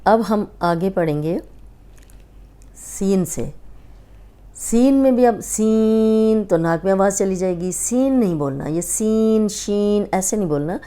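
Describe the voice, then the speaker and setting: A woman with a Pakistani Urdu accent teaching tajweed in a slow lesson, patiently repeating and stretching each letter sound. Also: mid-range voice, warm tone, smooth. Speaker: Quran reading teacher.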